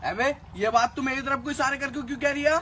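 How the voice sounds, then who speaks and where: A man's voice: extremely high pitch, steady tone, fast talker, heavy background noise. A man in a comic sketch, cheeky and playful. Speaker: comedy sketch performer. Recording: loud music under the voice.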